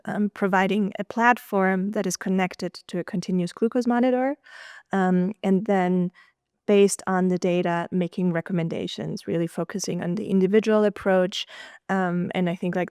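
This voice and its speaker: Austrian woman guest, smooth clear voice, dry close sound, lots of ums. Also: on the low side, darkish tone, no room sound. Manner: chatty, many ums and restarts, laughs easily. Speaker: guest, nutritional scientist. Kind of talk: casual podcast conversation.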